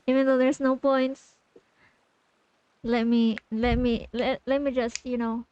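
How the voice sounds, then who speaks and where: A woman's voice: high-pitched, slow, a little mellow, no echo, muffled recording. A woman streaming a video game, chatting casually and giggling while she talks to her viewers. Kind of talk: casual livestream commentary.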